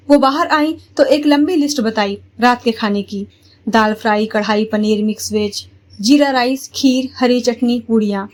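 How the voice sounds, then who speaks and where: A woman narrating a first-person family story in a steady, plain storytelling manner. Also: a little high.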